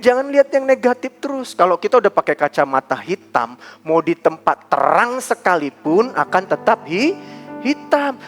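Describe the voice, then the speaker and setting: A male pastor preaching a lively sermon, calling for responses from the congregation and acting out quoted voices. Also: high voice. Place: church service.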